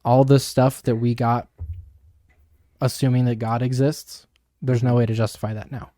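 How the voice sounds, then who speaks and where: A man's voice: mid-range voice, little pitch movement, moderate pace, mellow, no echo, studio quality. A young man co-hosting a podcast, explaining ideas from a book in a thoughtful, casual way. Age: young adult. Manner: thoughtful, explanatory, with frequent fillers. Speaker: podcast co-host.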